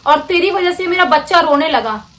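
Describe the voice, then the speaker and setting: A woman's voice: extremely high pitch, expressive, normal speed, fairly bright tone, slight background noise. Fields: Figure: furious ghost woman voiced by a woman storyteller. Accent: Bhojpuri. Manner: angry, threatening. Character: furious grieving ghost woman cradling cloth baby.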